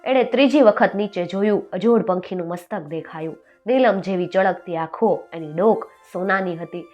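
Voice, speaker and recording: A woman storyteller narrating a fairy tale in a steady, expressive manner. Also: lowish voice, normal speed, muffled recording, soft background music.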